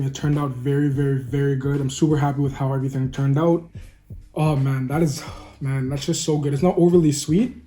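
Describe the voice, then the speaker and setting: Chatty food vlogger guy, kinda high voice, mellow tone, faint music behind, keeps saying guys. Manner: upbeat, keeps calling viewers "guys"; talks while eating, savoring sounds. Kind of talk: casual cooking vlog with tasting.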